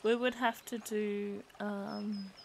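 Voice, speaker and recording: A woman's voice: mid-range voice, flat delivery, slow, creaky, a little mellow, slight background noise. A woman with an Australian accent giving casual reaction commentary on a video, hesitant and full of fillers and restarts.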